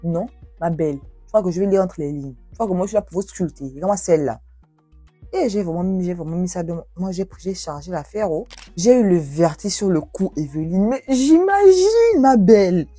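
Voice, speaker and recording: A young woman YouTuber telling viewers' love stories and reacting to them in an expressive, exclaiming way. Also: lowish voice, fairly quick, slightly rough, dry recording, faint music behind. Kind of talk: storytelling with commentary.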